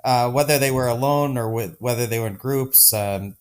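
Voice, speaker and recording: This podcast guest hails from Denver, Colorado, and his mid-range voice keeps a normal pace. He talks in a relaxed, eager way, often starting his thoughts over.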